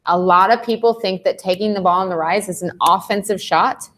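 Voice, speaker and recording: A woman's voice: medium pitch, fairly quick, fairly bright tone. A woman tennis coach explaining match strategy in a casual live panel chat, with lots of "um" and "like". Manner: explanatory, many fillers like um and like.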